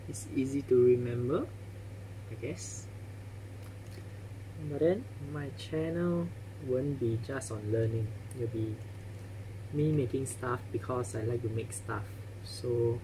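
With a mid-range voice, slow pace, and long pauses, a Singaporean-accented man in his twenties vlogs to his phone in a messy home workshop. He thinks aloud self-consciously in this casual, self-filmed clip, recorded via phone camera and clip mic with background noise.

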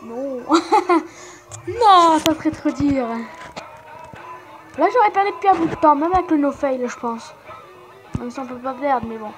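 A woman's voice: high voice, lively intonation, a little slow, long pauses, low-quality recording. A young woman casually commenting on a rhythm game, giggling and poking fun at herself. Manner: giggly, self-mocking, chatty. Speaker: gaming channel host. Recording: game music playing softly behind. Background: faint game music.

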